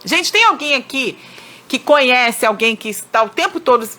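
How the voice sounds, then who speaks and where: Bright-voiced Brazilian woman giving chatty advice. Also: sits high, animated, moderate pace. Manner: chatty, acts out quoted people. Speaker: speaker on money and relationships. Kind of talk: casual motivational talk.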